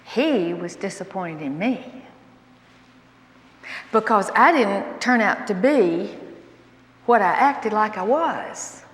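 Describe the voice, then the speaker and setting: A woman in her sixties from Alabama with a Southern American accent, telling personal stories in a folksy, animated way as a Bible teacher. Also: mid-range voice, slow pace, long pauses. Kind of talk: storytelling talk. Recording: echoey hall with long reverb.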